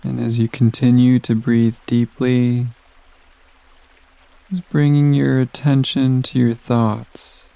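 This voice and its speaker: A man leads a guided sleep meditation, speaking very slowly with long, soothing pauses. His voice is warm and mellow, smooth and resonant, in a flat, even tone. The recording is dry and close. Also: medium pitch, no echo.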